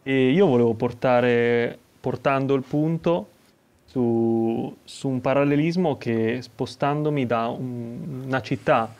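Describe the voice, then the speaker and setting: A man's voice: medium pitch, fairly even intonation, slow pace, darkish tone. A young man from Italy calling in to a chat show, telling his story in rambling, hesitant phrases. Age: young adult. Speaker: caller. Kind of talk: casual call-in chat.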